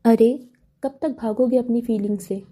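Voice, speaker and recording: A woman's voice: a little high, steady tone, warm tone, husky. Teasing young male friend, read by a woman. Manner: teasing, prodding questions. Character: teasing, curious young man, a close friend.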